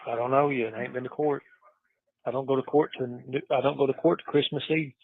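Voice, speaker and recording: A man calling from jail, his voice squeezed through a thin, tinny phone line with no room sound at all. He talks in a loose, laid-back way, sprinkling in swears and casual slang. His pitch sits in an ordinary middle range. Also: fairly even intonation, a little fast, no echo. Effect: inmate on a jail phone call. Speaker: inmate calling family.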